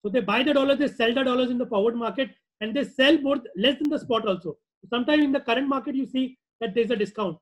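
A man's voice: very high voice, fast talker, few pauses, rough recording. A man with a North Indian accent presenting an informal finance webinar in a conversational, repetitive way with rhetorical questions. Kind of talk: informal webinar lecture with acted-out client dialogue.

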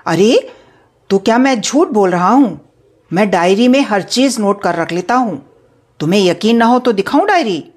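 A woman's voice: mid-range voice, animated, moderate pace, lightly acted. A woman voicing a petty, stern middle-aged male employer who lectures and nitpicks over money, in a told story. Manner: lecturing, nitpicking, rhetorical questions. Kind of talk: storytelling with acted dialogue.

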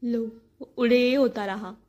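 A woman's voice: fairly high pitch, steady tone, slow pace, darkish tone. A woman in her thirties telling comic housewife stories in a chatty, exasperated way. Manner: chatty, exasperated storytelling with acted-out quotes. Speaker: housewife comedian. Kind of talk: comic monologue.

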